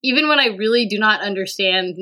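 Brisk and medium-pitched, with a pushed, bright tone, a Vietnamese woman who works as a university administrator guests on a casual podcast. She laughs often and speaks hesitantly, with many fillers and restarts.

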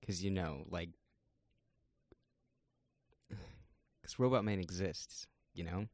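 A man co-hosting a casual podcast who hesitates and thinks out loud while he talks. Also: sits low, slow, dry recording. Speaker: podcast co-host. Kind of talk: casual TV episode discussion.

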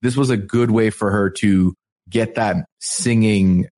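A male podcast host with a somewhat low voice chats casually about a TV show. He rambles, jokes and teases his co-host in a playful way. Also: fairly even intonation, unhurried, darkish tone. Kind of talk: casual chat recapping a TV show.

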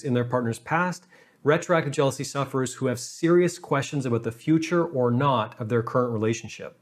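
Emphatic man giving relationship advice. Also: mid-range voice. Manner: emphatic, repeats key phrases for stress. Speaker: relationship coach and channel host. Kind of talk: solo advice talk.

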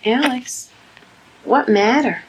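A woman's voice: a little high, slow pace, slightly rough, low-quality recording. A woman researcher coaching a parrot, with a coaxing, praising, sing-song manner. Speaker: animal researcher.

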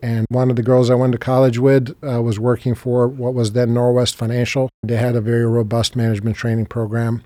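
A man's voice: mid-range voice, flat delivery, fairly quick, hardly any pauses, dark tone, no echo, studio quality. A man, an English speaker, talking enthusiastically as an interview guest with fillers and restarts. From Serbia. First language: Serbian. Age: 40s. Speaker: guest, business banker. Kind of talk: interview conversation.

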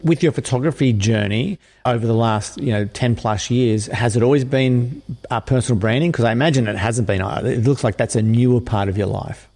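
Host: man, dark mellow tone, measured and earnest, reverb tail. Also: medium pitch. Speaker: podcast host. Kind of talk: interviewing, scripted intro.

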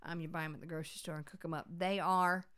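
A podcast co-host from the South Carolina Lowcountry chats casually in a smooth, slightly bright voice that runs on the low side. She talks fast and with a level tone, sounding enthusiastic and sprinkling in Southern turns of phrase with her Southern American accent.

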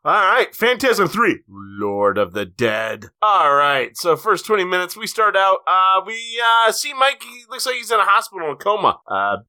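A slightly tipsy man co-hosting a podcast, giving an informal, halting film recap. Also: high voice, sing-song, sharp tone. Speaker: podcast co-host. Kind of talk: casual film recap chat.

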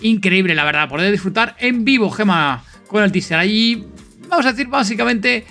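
Soft music plays in the background as a podcast host from Spain, speaking with a Spanish accent, delivers casual announcements and chat. His high, sharp-toned voice is animated and at a normal speed, and his manner is informal and enthusiastic.

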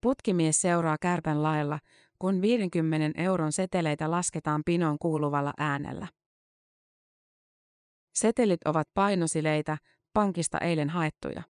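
A woman reporter reading a scripted news-feature narration in a measured, matter-of-fact way. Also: low-pitched, smooth, no echo, studio quality.

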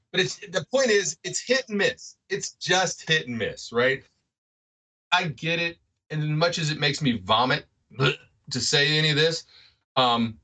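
A man's voice: sits high, recorded from a distance. A man co-hosting a sports podcast, arguing in casual chat and checking in with "right?" over and over. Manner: animated, keeps asking "right?". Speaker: podcast co-host.

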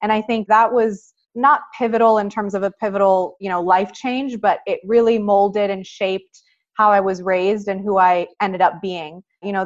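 A young woman from Pakistan tells her life story as an interview guest. She speaks at a mid pitch and a measured pace, in a reflective tone. The audio is a little dull and lo-fi. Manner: measured, reflective, frequent "I think" and "you know".

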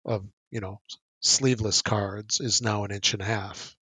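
Husky man, casual co-host. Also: fairly low pitch, normal speed, no room sound. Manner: relaxed, explaining with many fillers. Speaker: podcast co-host. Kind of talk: casual chat.

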